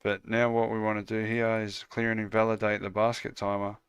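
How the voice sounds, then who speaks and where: An Australian man chatting casually with viewers while building his game on a livestream, relaxed and full of "uh" fillers. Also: fairly low pitch, brisk, smooth, no room sound, studio quality. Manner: relaxed, lots of "uh" fillers, calls viewers "mate".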